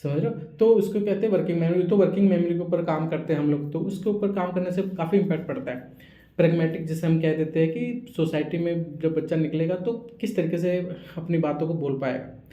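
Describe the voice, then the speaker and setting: A speech therapist explains methods to parents in a high, mellow voice, stopping often to check they follow. The room around him echoes. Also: male voice, fairly even intonation, brisk, highs cut off. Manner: explanatory, repeats "samajh rahe ho?" to check understanding. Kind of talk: teaching talk to parents.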